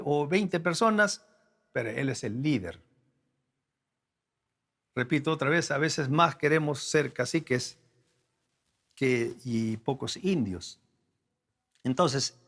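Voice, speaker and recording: A man from South America delivers a sermon on leadership in a somewhat high, gravelly voice. He teaches patiently, repeats his main points and asks the congregation rhetorical questions. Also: a bit bright. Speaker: pastor. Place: church or conference hall.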